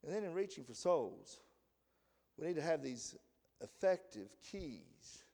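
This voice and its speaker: An American man preaching a sermon, animated, often laughing and reading scripture aloud in a raised voice. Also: a little high, vocal fry. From United States. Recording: long hall reverb.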